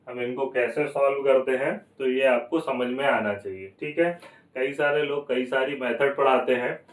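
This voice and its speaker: A man's voice: on the high side, reverberant, far from the mic, poor audio. A man teaching a maths lesson for exam prep, asking questions and answering them himself, going step by step. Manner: explains step by step, repeats key numbers.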